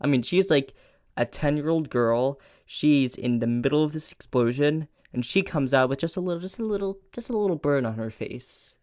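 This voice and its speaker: A man in casual movie talk, giving blunt opinions with a few "uh"s. His pitch is middling and even. The recording is dry and close. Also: normal speed, no room sound. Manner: relaxed, opinionated, some hesitations. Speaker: podcast co-host. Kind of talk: casual movie review chat.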